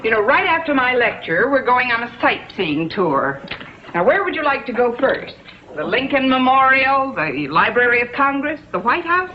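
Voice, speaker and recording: A woman's voice: on the high side, big pitch swings, moderate pace. An actress playing a cheerful, good-humored mother who teases and reassures her daughter in a 1950s TV sitcom. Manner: light, teasing, reassuring. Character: breezy good-humored mother, teasing, unflappable. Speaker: mother on a trip. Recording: dull old TV soundtrack with hiss and audience noise.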